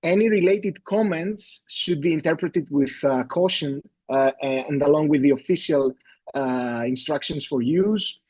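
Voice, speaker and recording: A man's voice: fairly high pitch, unhurried, darkish tone, slightly rough, no room sound. A man, presenting a live webinar as an endodontist, hesitant and full of fillers and restarts. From Greece.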